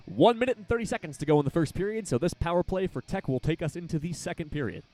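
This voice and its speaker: Young man calling hockey play-by-play. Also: fairly high pitch. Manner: rapid, rising excitement on big plays. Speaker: play-by-play announcer. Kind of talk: live hockey play-by-play commentary.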